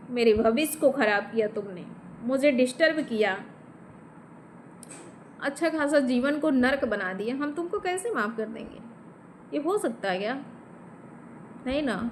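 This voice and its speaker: A woman with a high voice and a Bhojpuri accent talks straight into the camera, confrontational and emphatic. She speaks to an absent man and keeps checking with short tag questions. There is a faint background hum. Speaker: vlogger. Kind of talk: direct-to-camera vent.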